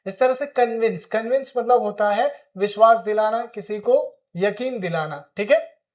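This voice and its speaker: High-voiced Indian English teacher. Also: male voice, moderate pace. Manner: explains words in Hindi, checks in with "ठीक है?". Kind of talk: spoken English lesson.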